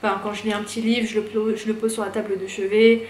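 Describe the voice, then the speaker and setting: A woman's voice: medium pitch, little pitch movement, fast talker, a little mellow, reverberant, a little hiss or hum. A young woman from France chatting casually in a haul vlog, with many fillers and restarts. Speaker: vlogger.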